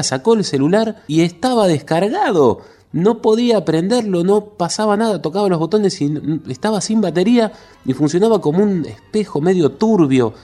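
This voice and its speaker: Lively male storyteller. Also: mid-range voice. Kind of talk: scripted story narration.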